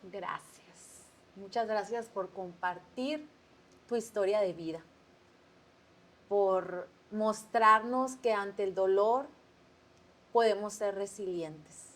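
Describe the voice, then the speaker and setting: A woman hosting a podcast, asking questions in a soft, earnest, encouraging way. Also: medium pitch, takes it slowly, long pauses. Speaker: podcast host. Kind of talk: gentle, empathetic interview.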